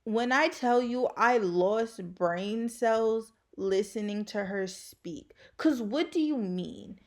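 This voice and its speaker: A woman rants straight into the mic in a casual vlog, blunt, profane and full of slang. She takes her time with each thought, and her voice has a gravelly, creaky edge. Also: on the high side, slow. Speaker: faceless YouTuber.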